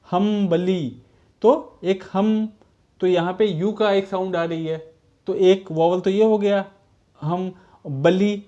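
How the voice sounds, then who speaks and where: In this dull, lo-fi classroom recording, a man whose voice is high yet dark in tone addresses his pupils as children. He takes them through English sentences slowly, one word at a time, repeating each with patience.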